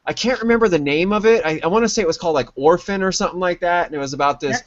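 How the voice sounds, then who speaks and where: A man's voice: high voice, very fast, dry recording. A man co-hosting a podcast who rambles with lots of fillers and gives blunt opinions during casual chat. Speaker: podcast co-host. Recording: dry, dull lo-fi sound.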